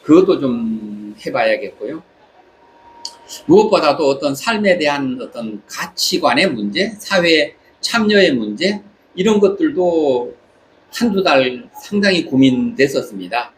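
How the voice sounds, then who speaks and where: A man from South Korea speaking a reflective personal monologue, haltingly, pausing between short phrases. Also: on the high side, sing-song, rough recording. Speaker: vlogger. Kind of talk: reflective spoken monologue while travelling. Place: on holiday in Southeast Asia. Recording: clear background ambient noise.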